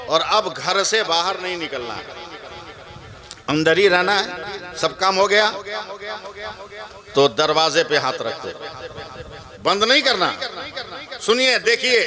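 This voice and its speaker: A man from West Bengal preaching a religious sermon at an open-air gathering, talking slowly, repeating himself, quizzing the crowd and joking between points. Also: high-pitched, lively intonation. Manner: slow, repetitive, asks the crowd questions, joking asides. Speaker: Islamic preacher. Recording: live sermon over loud crowd noise.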